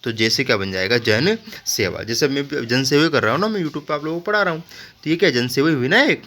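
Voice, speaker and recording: Bright-voiced man teaching memory tricks. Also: mid-range voice, animated, fairly quick. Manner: playful, joking asides to students; repeats "ठीक है" as a check-in. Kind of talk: general knowledge lesson with memory tricks.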